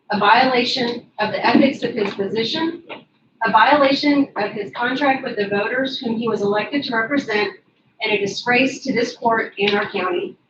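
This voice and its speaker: A woman speaking as a public commenter at a county court, reading a prepared statement in a formal, firm manner. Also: a little high. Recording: echoey, distant, dull and noisy.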